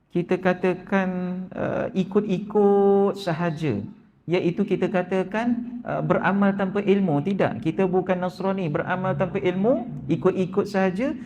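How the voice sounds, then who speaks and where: A man's voice: darkish tone, dull audio, slight background noise. A man with a Malaysian Malay accent giving an evening lecture in a mosque, often turning to the congregation and acting out voices in the stories he tells. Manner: addresses audience repeatedly, acts out quoted voices with lifted pitch. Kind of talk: Malay religious sermon. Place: neighbourhood mosque prayer hall.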